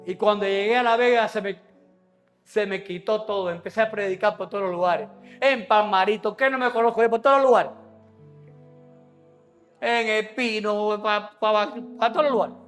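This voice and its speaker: High-voiced man preaching with fervor. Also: normal speed, faint music behind. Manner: impassioned preaching with shouted peaks. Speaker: pastor. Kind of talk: sermon. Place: church.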